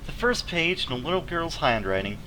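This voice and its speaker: A man streams a video game with casual, offhand commentary. He reads game text aloud and drops in playful asides. Guitar music is clearly heard behind him. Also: a little high, very animated, a little fast, poor audio.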